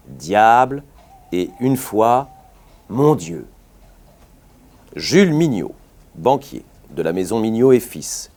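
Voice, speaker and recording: A man reading a classic detective story aloud as an audiobook narrator, in a measured, expressive manner. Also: lowish voice. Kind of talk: scripted narration.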